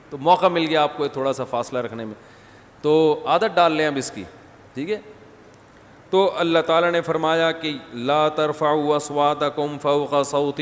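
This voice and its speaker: A man giving a conversational religious lecture to a gathering, slipping in humorous asides and asking the audience questions. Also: fairly high pitch. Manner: humorous wordplay. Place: mosque gathering after night prayers. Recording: long hall reverb, faint background noise.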